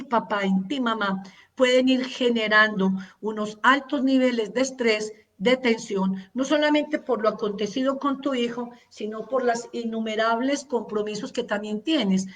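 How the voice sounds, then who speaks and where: Slow, earnest woman teaching, distant mic. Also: fairly high pitch. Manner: earnest, repeats words for emphasis. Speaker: parenting masterclass speaker. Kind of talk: slow, measured teaching talk with long lists.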